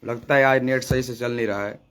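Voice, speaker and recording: A man's voice: medium pitch, steady tone, a little fast, clean tone. A man preaching devotionally to his viewers, scolding them and repeating rhetorical questions. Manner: repeats lines for emphasis. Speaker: spiritual speaker. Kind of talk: devotional preaching on a live stream.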